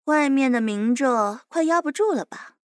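A woman's voice: high voice, lively intonation, normal speed, dry recording, clean studio sound. A woman voicing a fearless, smug young captive who teases her interrogator and calls herself big sister, in an audio drama. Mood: teasing.

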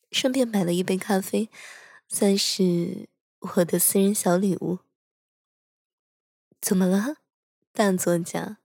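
A woman playing a soft-spoken teasing hotel attendant. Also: mid-range voice, dry recording, clean studio sound. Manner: gentle, teasing, slows and hushes for eerie moments. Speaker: hotel staff member telling a ghost story to a horror writer. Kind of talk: role-play audio drama with soft storytelling. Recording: soft background music.

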